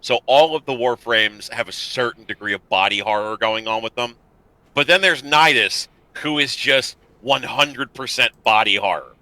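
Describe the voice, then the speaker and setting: A man's voice: medium pitch, moderate pace, pushed and bright, no echo, rough recording. A man in casual gaming chat on a livestream panel, wry and freely profane.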